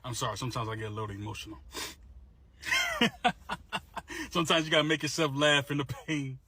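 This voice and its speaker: A man's voice: medium pitch, racing, sharp tone, a little hiss or hum. A man ranting to camera in a casual, weary way, full of slang and repeating that he is tired. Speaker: vlogger. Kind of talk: emotional rant to camera.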